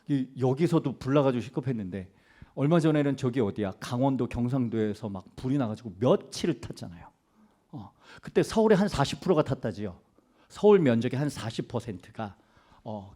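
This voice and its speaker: A man's voice: medium pitch, dark tone, breathy edge. A man, a missionary preacher, telling a story in a conversational sermon with chatty asides to his listeners. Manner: chatty, many fillers and restarts, asides to the audience.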